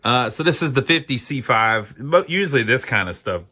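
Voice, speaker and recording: Normal in speed but lively in intonation, a man's mid-range, sharp voice carries his hands-on repair narration. As host of an amateur electronics repair channel, he talks in a folksy, easygoing way, thinking aloud throughout.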